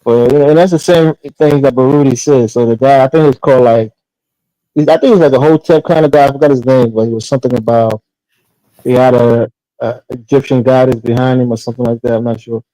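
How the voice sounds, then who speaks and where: A man's voice: mid-range voice, steady tone, a little fast, dark tone, no echo. A man calling in on a phone line that sounds muffled, as if through a wall, insistently pressing to finish his point in a heated debate. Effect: muffled, as if heard through a wall. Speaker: caller. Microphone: phone on a call-in line.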